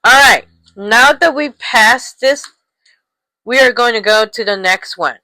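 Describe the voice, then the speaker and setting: A woman's voice: on the high side, measured pace, pushed and bright, no echo, poor audio. A young adult woman teaching English letter sounds, repeating each one patiently and checking in with "okay?". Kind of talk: slow instructional talk on letter sounds.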